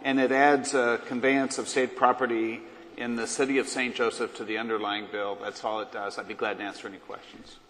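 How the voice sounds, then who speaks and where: A man, a state senator, explaining his amendment and answering questions in a relaxed, plain-spoken way. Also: mid-range voice, fairly quick, a little hiss or hum. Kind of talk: floor debate. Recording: reverberant chamber.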